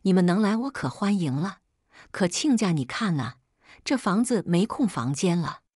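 A pushy older mother-in-law in an audio story, fawning and fussy, as a woman reader puts her on with a low, lively, dry voice. Her pitch rises and falls a lot. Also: normal speed, husky, no echo.

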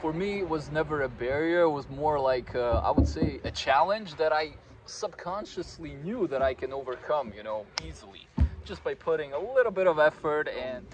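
A Croatian man in his thirties sits at a park table on a sunny day, chatting casually as a guest. He uses plenty of fillers and self-deprecating asides in a fairly high, animated voice at normal speed. Traffic noise can be heard outdoors.

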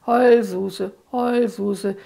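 A woman voicing a cruel male demonic alter who speaks in a dark, staccato, mocking tone of command. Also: fairly low pitch, slow, gravelly. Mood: menacing.

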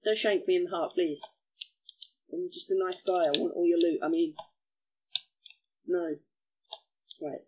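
A man giving chatty gameplay commentary as host of a gaming channel, excitable and given to mild cursing. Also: high voice, a little slow, long pauses, muffled recording, slight background noise.

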